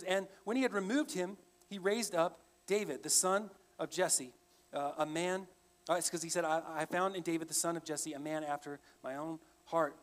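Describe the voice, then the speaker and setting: A man's voice: high voice, fairly bright tone. A male pastor preaching a sermon in a conversational, explaining way. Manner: conversational, with frequent restarts. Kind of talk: expository sermon.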